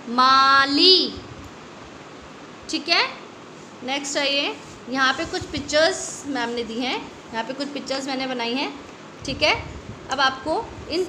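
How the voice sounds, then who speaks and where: An Indian woman teaching a young children's Hindi class, drawing out each word slowly and asking the kids questions. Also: high-pitched, sharp tone, a little hiss or hum. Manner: slow, drawn-out word stretching with quiz questions. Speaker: primary school Hindi teacher. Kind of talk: online class lesson. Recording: echoey room with faint ambience.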